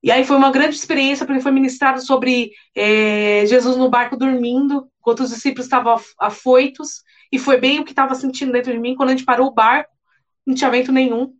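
A young adult woman preaching, telling a personal testimony in an earnest, animated way with many repetitions. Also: high-pitched, fast talker. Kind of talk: emotional testimony sermon. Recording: dull lo-fi sound.

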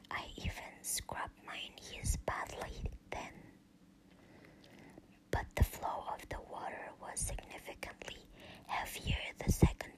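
Slow whispering woman telling a story. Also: low-quality recording. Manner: slow unvoiced whisper throughout. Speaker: narrator of a personal story.

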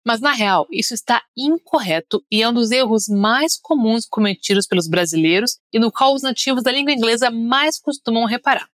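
Brazilian lady teacher, bright upbeat podcast lesson, kinda high voice, dry close sound. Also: moderate pace, few pauses, no room sound. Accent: Brazilian Portuguese. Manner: upbeat, drills words for the listener to repeat. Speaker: English pronunciation teacher.

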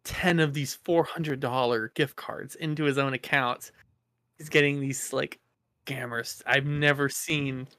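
A man co-hosting a casual chat, telling a story in an animated, excitable way. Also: mid-range voice, unhurried, no echo.

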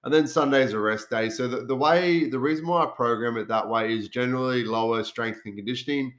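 A man's voice: mid-range voice, a little fast, a bit bright. An Australian man with a nasal voice, congested from a cold, explaining things informally as a podcast host and fitness coach. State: has a cold. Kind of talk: casual solo podcast talk.

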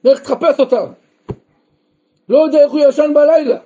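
A man with a very high but mellow voice teaches a Torah lesson as a rabbi, posing questions to his listeners and answering them himself. He keeps pressing his points and sometimes breaks into emphatic, raised outbursts. The recording sounds dull and lo-fi. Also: steady tone. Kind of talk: Torah lesson to a live group.

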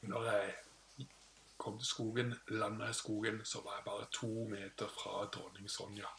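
A man's voice: fairly low pitch, level tone, gravelly, fairly bright tone, a little hiss or hum. A man telling a playful made-up story, rambling and correcting himself. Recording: roomy echo.

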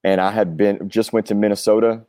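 A man's voice: lowish voice, flat delivery, brisk, mellow, no echo, studio quality. A man in his forties talking casually as a guest, earnest and reflective, rambling through personal thoughts. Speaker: interview guest, touring rock drummer. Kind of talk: casual chat.

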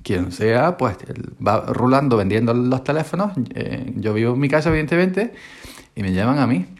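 A Spanish podcast host tells a story into his mobile phone from his bedroom, a casual monologue that rambles, turns wry, and repeats itself. His voice is medium-pitched with lively intonation at a normal speed.

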